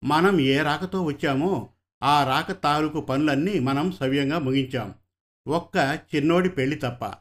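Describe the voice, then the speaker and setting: A man reading the soft, affectionate lines of an elderly father, a retired teacher, in a storybook. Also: fairly high pitch, measured pace. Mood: tender.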